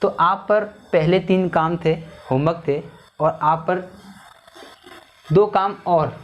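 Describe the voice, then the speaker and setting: Slow, patient man sounding out syllables. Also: fairly high pitch, highs cut off. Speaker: Hindi teacher. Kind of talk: teaching lesson on vowel signs.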